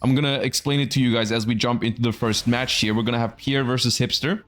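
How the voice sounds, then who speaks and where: Man, tournament host, live card game commentary, conversational announcer delivery, medium pitch, music behind. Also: steady tone, fast talker, a bit bright.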